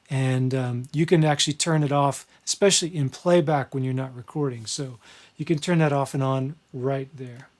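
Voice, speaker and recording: A man teaching a screen-recorded music software lesson, relaxed and conversational as he explains each step. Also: on the high side. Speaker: music instructor.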